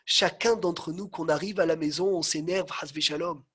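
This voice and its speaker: A man teaching a Torah lesson as a rabbi. His voice sits high, and he tells the story with energy, jumping from loud cries to near-whispers. He seems to be heard through a video call. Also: moderate pace, breathy edge. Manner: animated, swings from loud exclamations to hushed tones.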